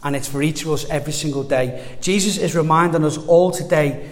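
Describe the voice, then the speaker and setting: Earnest pastor in a reverberant hall. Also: male voice, a little high, a little fast. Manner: earnest, conversational preaching with frequent restarts. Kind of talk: sermon.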